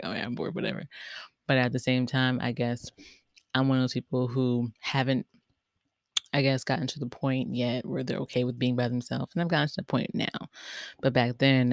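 A man talking casually and earnestly, thinking out loud with lots of fillers and restarts. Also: mid-range voice, vocal fry, dry recording, clean studio sound. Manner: rambling, filler-heavy, many likes and restarts. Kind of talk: casual reflective monologue.

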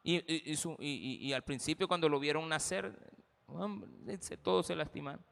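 Impassioned Salvadoran pastor preaching. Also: male voice, on the high side, moderate pace, creaky, fairly bright tone, long reverb tail. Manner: impassioned, addresses the congregation directly. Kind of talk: sermon.

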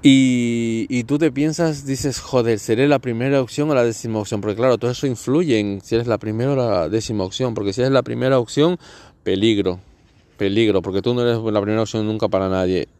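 A man's voice: medium pitch, steady tone, a little fast, a little mellow. A man from Catalonia, hosting a podcast in a sarcastic, profane comedic monologue. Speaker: podcast host.

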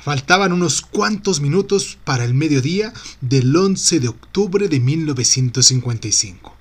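A man's voice: a little high, lively intonation, normal speed. A man hosting a show, reading a true mystery story aloud as scripted narration. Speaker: podcast host and narrator.

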